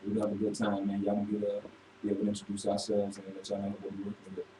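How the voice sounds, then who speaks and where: Guest rapper from Florida, twenties, flat low voice, off-mic in an echoey room with hiss. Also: male voice. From Florida, USA. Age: 20s. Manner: easygoing, halting. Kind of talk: interview answers. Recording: echoey room from far off, clear noise.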